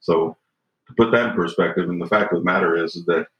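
A fast-talking man in his fifties with a low voice joins a podcast as a guest, thoughtful and sincere, with frequent "you know"s and "right?"s. There's a little hiss or hum in the roomy, dull lo-fi recording.

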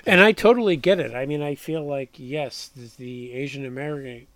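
A man's voice: medium pitch, brisk, fairly bright tone. A man co-hosting a casual movie-awards podcast, chatty, sometimes dropping into a mumble. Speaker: podcast co-host. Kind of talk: casual film-awards chat.

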